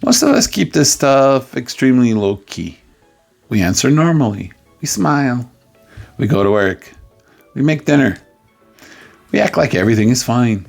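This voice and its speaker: A man with a gravelly, creaky voice at a middle pitch delivers a coaching talk. He tells it in a playful, jokey way and bursts out loudly now and then, with faint music behind him. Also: sing-song, moderate pace, long pauses. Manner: playful, jokey storytelling with sudden loud outbursts. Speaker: life coach.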